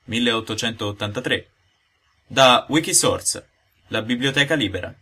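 A man reading a classic tale aloud in lively scripted narration. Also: medium pitch, a little slow, slightly rough. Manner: lively storytelling delivery. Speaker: audiobook reader.

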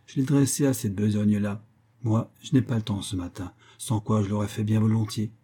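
A man reading aloud and voicing a hurried, jovial man who urges his old friend along in a brisk, pushy way. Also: on the low side, steady tone, dark tone, husky.

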